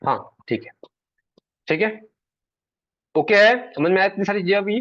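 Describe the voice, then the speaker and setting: A man's voice: high voice, normal speed, a bit bright, no room sound. A man teaching an online sales class, chatty and always checking in with his students. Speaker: sales trainer. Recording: dull, dry online call audio.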